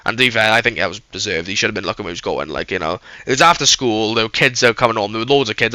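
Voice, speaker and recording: A man's voice: on the low side, pushed and bright, no room sound. A man telling a personal story on his channel in a rambling, casual way, swearing constantly. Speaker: YouTuber.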